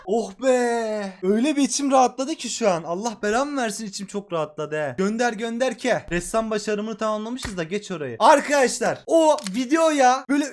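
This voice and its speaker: A young man chatting excitedly to his viewers while playing a mobile game, swearing and shouting with glee. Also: very high-pitched, fairly quick, hardly any pauses. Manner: loud, swearing, bursts into shouts and laughter. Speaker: gaming YouTuber. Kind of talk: excitable casual game commentary.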